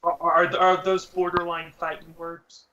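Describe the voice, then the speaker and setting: A man's voice: fairly high pitch, level tone, measured pace, highs cut off, a loud crowd. A man on a video call joining a live-stream chat, teasing the others and stammering as he starts his sentences.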